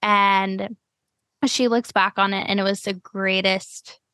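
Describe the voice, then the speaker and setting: A woman's voice: mid-range voice, flat delivery, slow, sharp tone, no room sound, studio quality. A woman from Cleveland, Ohio, hosting a podcast in a casual chat, friendly and full of "you know" fillers. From Cleveland, Ohio, USA. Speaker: podcast host.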